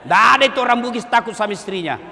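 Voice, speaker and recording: Pria penceramah dari Sulawesi Selatan, berlogat Sulawesi Selatan, suaranya nyaring dan tajam. Ia jenaka dan kadang berseru lantang, dengan gema panjang dari pengeras suara di acara besar. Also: male voice, high voice, very fast. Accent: South Sulawesi Indonesian. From South Sulawesi, Indonesia. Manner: joking, rising to loud emphatic bursts. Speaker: preacher. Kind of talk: humorous sermon to a large crowd. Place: large public religious gathering. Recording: long reverb from a large venue.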